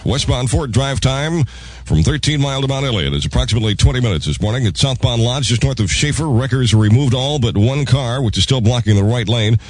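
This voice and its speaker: A man's voice: mid-range voice, expressive, a little fast, a little mellow, no room sound. A man working as a morning radio DJ, mixing announcements with wry, joking patter. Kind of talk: radio patter, time, weather and traffic.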